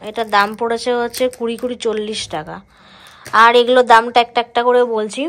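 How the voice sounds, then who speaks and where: Brief: rapid, chatty woman vlogger, voice sits a bit high. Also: fairly even intonation, a bit bright. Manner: chatty, talks to viewers directly. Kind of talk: casual home vlog.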